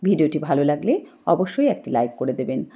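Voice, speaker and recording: A woman hosting a home puja video, calmly explaining each ritual step and chanting mantras in a devotional tone. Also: low-pitched, fairly quick. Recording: dull lo-fi home recording.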